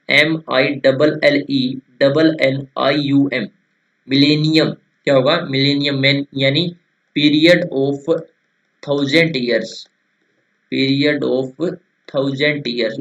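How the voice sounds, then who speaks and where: A young man drills spellings for an exam-prep class. His voice sits at an ordinary middle pitch, and he keeps repeating words and asking his students rhetorical questions. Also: a bit bright, poor audio. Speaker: teacher.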